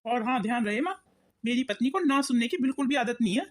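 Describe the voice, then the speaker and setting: A woman's voice: a little high, expressive, fast talker, natural voice. A woman voicing a grown son in a cartoon, coldly firm toward his mother. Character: cold grown son siding with wife. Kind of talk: cartoon voice acting.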